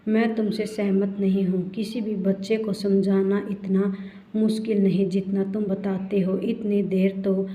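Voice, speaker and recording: A woman voicing a stern, proud emperor who is quick to anger, in a slow, commanding storybook reading. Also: mid-range voice, little pitch movement, dark tone, natural voice. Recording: roomy, dull lo-fi recording.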